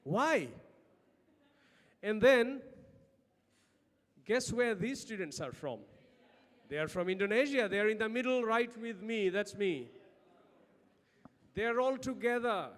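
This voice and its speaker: High-pitched Bangladeshi-accented man lecturing. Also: animated, takes it slowly, pauses often. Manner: emphatic, uses rhetorical questions. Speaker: academic conference speaker. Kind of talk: lecture-style conference presentation. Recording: long hall reverb on speech.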